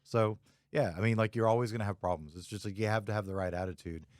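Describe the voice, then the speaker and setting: Laid-back low-voiced man, dry sound. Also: fairly even intonation, fast, no echo. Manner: laid-back, rambling, many fillers. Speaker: podcast host, photographer. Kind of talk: casual chat.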